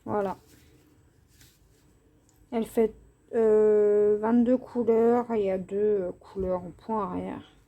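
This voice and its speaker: A woman hosting her own craft channel, showing her cross-stitch canvases in a casual, unhurried vlog, hesitant and full of fillers. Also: medium pitch, little pitch movement, narrow, tinny audio. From France. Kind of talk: casual show-and-tell vlog.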